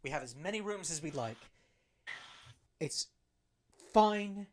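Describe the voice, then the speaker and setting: A game master voicing a flustered companion who hurries to reassure someone in a quiet voice. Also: medium pitch, animated, takes it slowly. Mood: reassuring.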